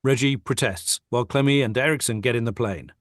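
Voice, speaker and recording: A man's voice: medium pitch, a little fast, dry recording, studio quality. A man reading the stage directions of a script steadily and matter-of-factly in a table read over a video call.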